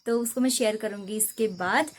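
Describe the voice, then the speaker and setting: A woman's voice: mid-range voice, normal speed. A young woman from Uttarakhand with a Kumaoni accent, chatting casually and rambling in a village vlog, correcting herself as she goes. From Uttarakhand, India. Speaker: vlogger. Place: outdoors at a village home.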